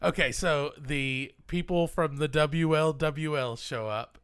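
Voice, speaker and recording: A man's voice: on the high side, slow, a bit bright, clean tone, no room sound. A man co-hosting a podcast, recapping a film's plot in a casual chat with wry, dry humor. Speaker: podcast co-host. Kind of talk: casual film discussion.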